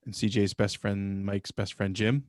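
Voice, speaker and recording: Low-voiced rambling man co-host. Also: flat delivery, unhurried, no room sound, clean studio sound. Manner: rambling, many fillers and restarts. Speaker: podcast co-host. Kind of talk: casual chat.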